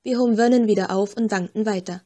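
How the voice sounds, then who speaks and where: Woman, audiobook narrator, first-person story, measured and tense, mid-pitched voice. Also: steady tone, dark tone.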